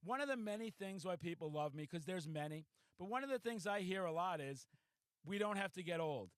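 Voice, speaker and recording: A man in his forties hosting a podcast in a hyper, loud, profanity-laced ranting manner. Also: high voice, lively intonation, a little fast, no room sound. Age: 40s. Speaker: podcast host. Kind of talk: casual podcast chat.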